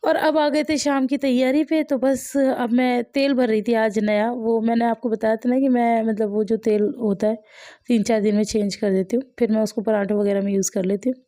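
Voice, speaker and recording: A woman's voice: on the high side, steady tone, normal speed, warm tone, no echo. A woman from India, a mother chatting casually over her family vlog, wry and self-mocking, laughing often.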